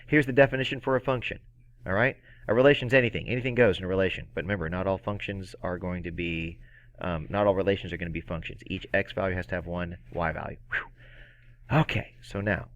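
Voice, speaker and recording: A man teaching a math lesson, energetic and playful, with excited outbursts. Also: low voice, muffled recording. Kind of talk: screen-recorded math lesson.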